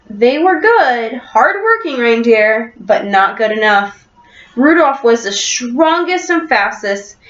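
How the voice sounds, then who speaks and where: Encouraging teacher woman, echoey classroom. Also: high-pitched. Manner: encouraging, asks quick questions. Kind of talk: reading aloud and questioning in class. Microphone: computer webcam. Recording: echoey room, dull lo-fi sound.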